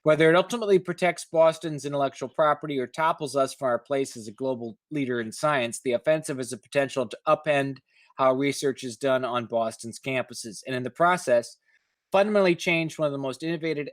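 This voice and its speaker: A man with a mid-range voice reads news articles aloud at a brisk pace, breaking off into skeptical, opinionated asides of his own. He is a host offering commentary on the stories, and the recording is dry.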